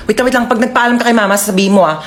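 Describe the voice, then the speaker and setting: A woman's voice: medium pitch, steady tone, rapid-fire, a little hiss or hum. A woman performing a comedy skit in which she plays several family members, switching between a bossy older sister and a scolding mother.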